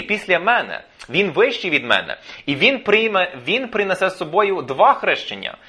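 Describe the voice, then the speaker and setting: Bright-voiced man preaching a sermon. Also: high-pitched. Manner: teaching, explains step by step with filler pauses. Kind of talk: sermon with scripture reading.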